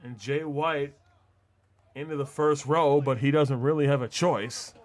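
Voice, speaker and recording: A man with a slightly high voice delivers live wrestling commentary. He calls each move as it happens in short, clipped phrases, in the manner of a play-by-play announcer. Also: fairly even intonation, unhurried. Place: large arena event with live audience.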